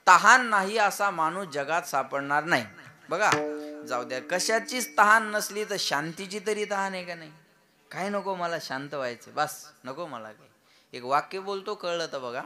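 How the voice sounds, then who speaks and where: Delivering a devotional kirtan sermon, a man with a high, sharp voice repeatedly prompts the audience to call back to him, and he slows down when chanting verses.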